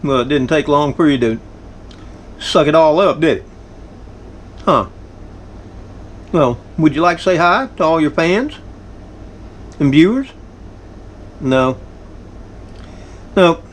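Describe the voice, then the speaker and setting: A folksy man with a Southern drawl chats through his home cooking video, his voice sitting a touch high and leaping all over as he whoops about the food. He talks straight to his viewers, and a faint hiss runs under the recording. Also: expressive, takes it slowly, long pauses, rough recording. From Southern United States. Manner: folksy, exclamatory, savoring food aloud. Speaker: cooking vlog host. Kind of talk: casual cooking vlog. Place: home kitchen.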